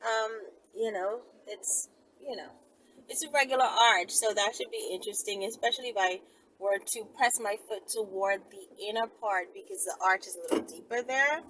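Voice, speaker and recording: A woman vlogger with a mid-range, fairly bright voice chats casually to her viewers at a moderate pace from inside a car. Her talk is informal and rambling, drifting off topic as she thinks aloud, and the noisy interior carries clear vehicle sound.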